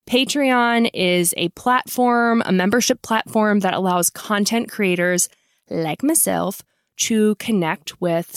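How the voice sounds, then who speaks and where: A woman with a mid-range voice hosts a podcast, recorded at studio quality with no echo. She's casual and blunt, swears freely, and pokes fun at herself.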